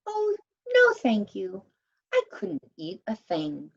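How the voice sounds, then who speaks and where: A woman voicing an excitable, curious little girl elf in a children's storybook, earnest and exclaiming. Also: mid-range voice, takes it slowly, vocal fry, dull audio, voice pushed up, heavily acted. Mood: earnest, urgent.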